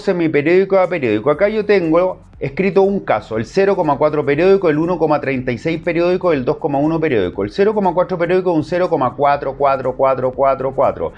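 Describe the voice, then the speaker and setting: A man's voice: fairly high pitch, darkish tone, muffled recording. A man with a Chilean accent teaching an online math class, explaining step by step and checking in with short questions.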